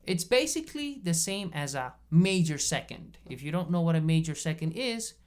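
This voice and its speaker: A man teaching bass guitar in a casual video lesson, explaining patiently step by step and checking in often. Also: big pitch swings, moderate pace, clean tone. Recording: bass guitar playing between phrases.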